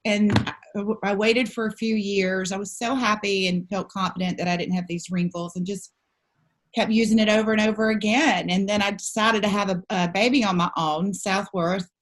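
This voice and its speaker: A woman at a middling pitch. She is a business founder in an interview, recounting her experience in an animated, chatty way. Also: normal speed. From southern United States. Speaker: beauty company founder, interview guest. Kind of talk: conversational personal storytelling interview.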